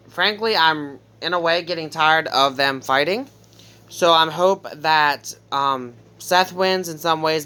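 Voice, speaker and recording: A casual vlogger talks through predictions in a loose, hesitant way, stopping on ums and correcting slips as they go. The voice is crisp and smooth, with a bright, forward edge. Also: mid-range voice. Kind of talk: casual wrestling prediction talk.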